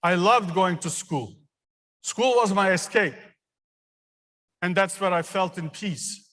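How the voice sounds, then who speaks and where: A man's voice: high-pitched, fairly bright tone. Man from Turkey speaking in a reverberant hall. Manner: earnest, personal storytelling with pauses. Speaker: engineering professor giving a commencement speech. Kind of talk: commencement speech. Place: large theater. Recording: long reverb of a large hall.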